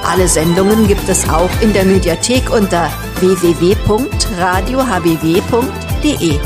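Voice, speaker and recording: A woman reading a scripted radio station announcement clearly and formally. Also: medium pitch, moderate pace. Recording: music bed underneath.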